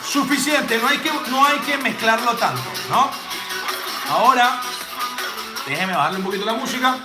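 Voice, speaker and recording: A man's voice: very high-pitched, animated, normal speed. A man teaching drink-making live, chatty and jokey, tossing in playful sound effects and casual swearing. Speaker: bartending instructor. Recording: roomy home space with music playing.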